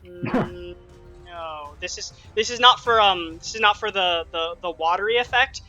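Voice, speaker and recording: A man's voice: sits high, faint music behind. A man acting as game master, calling rolls and damage and narrating the action in bursts. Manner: quick rules talk broken by animated narration.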